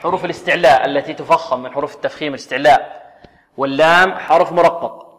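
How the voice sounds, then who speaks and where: Male recitation teacher, rhetorical questions, slow letter drills, fairly high voice, long reverberant sound. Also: a bit bright. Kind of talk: tajweed lesson with call-and-repeat drills.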